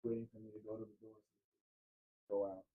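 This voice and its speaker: A man hosts a casual live Q&A stream, talking loosely, wandering as he goes and answering viewers by name. His voice sits on the low side with a flat delivery, he speaks fairly quickly, and the audio sounds like a phone.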